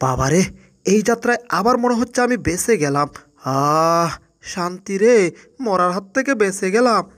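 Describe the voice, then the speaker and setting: A woman's voice: mid-range voice, lively intonation, moderate pace, natural voice. A woman voicing a boastful, easily panicked male cat in a Bangla cartoon dub, full of exclamations. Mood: relieved. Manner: rhyming boasts, exclamatory wailing.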